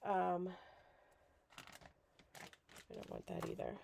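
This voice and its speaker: A woman's voice: on the low side, level tone, takes it slowly, creaky, darkish tone, slight background noise. A woman hosting a casual crafting livestream while groggy and sick with a cold, chatty and rambling. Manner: rambling, chatty, self-deprecating.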